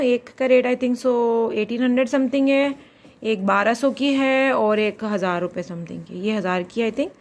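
Her voice is medium in pitch with a darkish tone. A woman in her thirties, she records a casual vlog on an arm's-length phone, blending English into her Hindi as she goes from beside a garden outside, to her house, to a busy shop.

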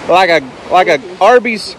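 A man's voice: high voice, lively intonation, a little slow. A man, joking and bantering in a casual family vlog, recorded outdoors on a handheld camera. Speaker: family vlogger. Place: outdoors by water and on a beach. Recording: outdoor noise behind the voice.

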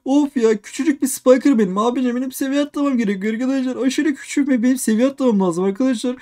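A man giving excited let's-play commentary on a game, repeating phrases in quick bursts and constantly addressing his viewers. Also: very high voice. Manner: excitable, keeps calling viewers "abicim" and "arkadaşlar". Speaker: gaming YouTuber.

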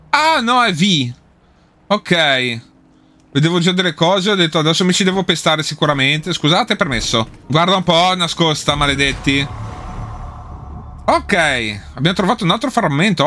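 A man's voice: on the high side, bright, forceful tone. A man giving casual let's play commentary, swearing and talking back at the enemies he fights. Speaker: gameplay streamer.

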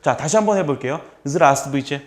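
A man's voice: fairly high pitch, lively intonation, normal speed. A man teaching a live class in a chatty, joking way, repeating phrases for the students to say back. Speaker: lecturer teaching basic Russian. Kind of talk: classroom lecture. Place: seminar room with a live audience.

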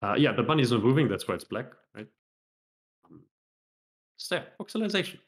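A man in his thirties gives a technical meetup talk from home over a video call, demoing software live. He's relaxed and self-deprecating, full of fillers and restarts, with a mid-range voice and a brisk pace.

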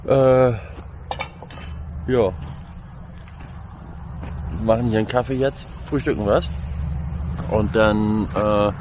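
Low-voiced man, hesitant vlogger, noisy recording. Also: steady tone, slow pace, long pauses, a little mellow. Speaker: vlog host. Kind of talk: casual exploration vlog chat. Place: parked or moving car, roadside outdoors. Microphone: handheld camera at arm's length. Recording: noisy car and outdoor sound.

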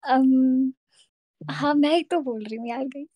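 A woman's voice: high voice, measured pace, mellow, dry recording. A woman playing a multiplayer game with friends, chatting playfully and mock-complaining. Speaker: co-player. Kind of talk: casual chat during a multiplayer game.

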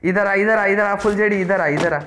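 A man's voice: high-pitched, moderate pace, fairly bright tone. A man from India giving playful, teasing commentary over a mobile game and calling out to his viewers. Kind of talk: casual gameplay commentary. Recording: noisy recording with game clicks.

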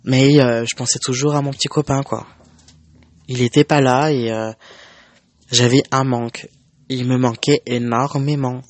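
A young man recounts a painful personal story in a casual, emotional monologue, often stumbling and restarting his sentences. His voice sits in an average middle pitch. The sound is dry and close, with no room echo. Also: fairly even intonation, measured pace, pauses often. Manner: emotional, conversational, many fillers and restarts. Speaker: vlogger.

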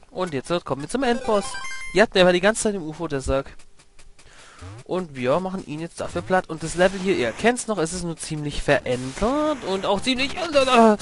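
An excitable young man narrates his gameplay in a casual, chatty way, swearing when things go wrong and explaining tricks to his viewers. His voice sits a little high. Game music plays clearly behind him. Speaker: let's play commentator. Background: video game music.

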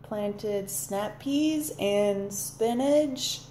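A woman's voice: medium pitch, extremely slow, mellow, slight background noise. A young woman in her twenties chatting casually as a vlog co-host, rambling and searching for words with a giggle. She speaks to a phone held at arm's length inside a large greenhouse. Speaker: vlog co-host, farm intern. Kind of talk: casual chat. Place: large dome greenhouse, indoors. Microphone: phone camera at arm's length. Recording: echoey greenhouse.

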